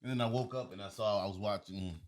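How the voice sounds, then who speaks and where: A man's voice: lowish voice, fast. A young man co-hosting a casual podcast, playful and teasing, chuckling often. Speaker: podcast co-host. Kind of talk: casual chat.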